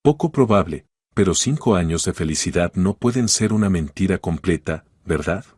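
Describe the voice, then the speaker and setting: A man narrating a scripted first-person story in a steady, even storytelling delivery. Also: deep voice, normal speed, breathy edge, no echo, studio quality.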